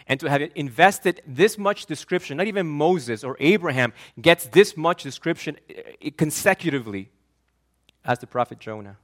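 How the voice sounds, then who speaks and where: A man's voice: on the high side, expressive, moderate pace, fairly bright tone. A man from Argentina, a pastor preaching an earnest, emphatic sermon that often repeats and restarts words.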